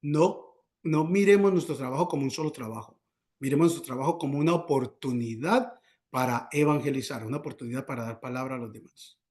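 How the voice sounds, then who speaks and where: A man's voice: a little fast, darkish tone. A man preaching a sermon, asking the congregation to finish his sentences, repeating words as he searches for them, and acting out prayers and conversations. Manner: call-and-response questions, repeats words when searching; acts out prayers and dialogue in a higher voice.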